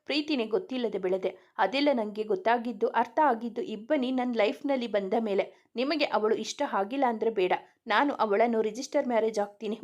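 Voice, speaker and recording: A woman's voice: on the high side, a little mellow, lightly acted. A woman voicing a young man who earnestly pleads for the woman he loves.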